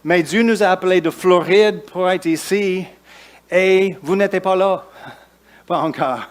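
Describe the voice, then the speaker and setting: Pastor preaching in halting French. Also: male voice, sits high. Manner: preaches with halting restarts, rising emphatic lists and quieter asides. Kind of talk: sermon.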